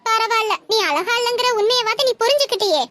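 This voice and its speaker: A woman's voice: very high-pitched, fast talker, noisy background. A woman acting a teasing, bossy older sister in a comedy sketch, mocking and scolding.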